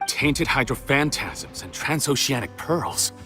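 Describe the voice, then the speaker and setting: An actor playing a cunning, calculating criminal boss in a video game, sneering and taunting. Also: male voice, medium pitch, expressive, unhurried, sharp tone, faint music behind. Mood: intrigued, skeptical. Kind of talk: video game villain dialogue.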